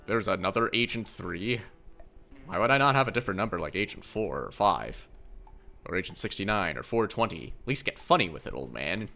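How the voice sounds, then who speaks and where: Wry gamer guy with creaky voice. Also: deep voice, animated, brisk, bright, forceful tone, soft background music. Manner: wry, sarcastic, swearing asides. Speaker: let's play host. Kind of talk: casual video game commentary.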